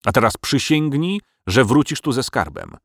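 A man's voice: mid-range voice, sing-song, moderate pace, fairly bright tone, no room sound, studio quality, voice pushed up. A man voicing a pompous village parson laying down terms in a storybook reading. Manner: solemn, pompous.

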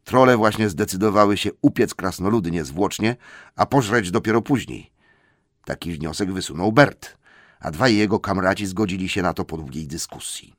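A man narrating an audiobook fairy tale in an expressive storytelling manner. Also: deep voice, moderate pace, dry recording, studio quality. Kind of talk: scripted narration.

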